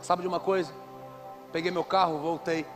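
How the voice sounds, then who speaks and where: A man's voice: fairly high pitch, normal speed, music in the background. A man preaching a conference sermon into a handheld microphone, telling stories with playful asides. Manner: lively storytelling with playful asides.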